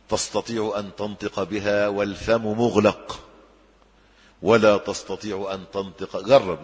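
A man preaching a sermon in Egyptian Arabic, lively, with loud emphatic peaks and quiet drops, acting out the people he quotes. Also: medium pitch. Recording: long hall reverb.

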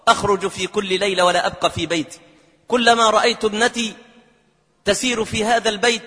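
A man's voice: high-pitched, fairly bright tone, husky. A man preaching a storytelling sermon with passion, at times rising into chanted verse, in a long hall reverb. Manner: impassioned, rises into chanted verse.

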